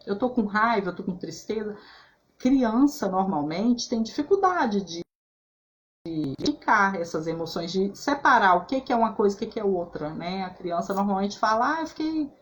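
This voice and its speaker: In a casual explanatory talk, a woman therapist with a holistic practice chats about how food relates to emotions, sprinkling in "né?" and "tá?" and restarting sentences frequently. She speaks in an expressive mid-range voice at a moderate pace, with a little hiss or hum.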